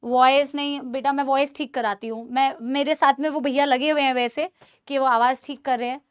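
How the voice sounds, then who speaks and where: A woman teaching biology in a live online class, animated, quizzing students and calling them beta and bhaiya. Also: high voice, brisk, dry recording. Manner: asks the class many questions. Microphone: studio mic.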